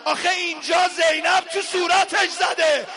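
Very high-voiced man chanting a mourning lament. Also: fairly even intonation, a crowd in the background. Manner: swings between wailing shouts and hushed sung lines. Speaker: mourning eulogist leading a religious gathering. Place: religious mourning gathering.

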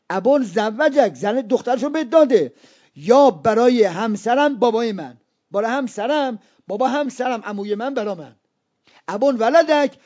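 High-voiced man preaching, repeating key terms. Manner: explanatory, repeats key terms, drops to hushed tones. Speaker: religious preacher. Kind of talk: religious lecture to students. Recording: dull lo-fi recording.

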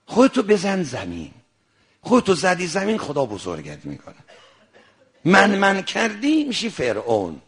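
A male preacher with a gravelly, slightly high voice delivers a lively sermon. He tells stories and acts out their dialogue. His voice swells at times into shouts. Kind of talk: sermon with storytelling.

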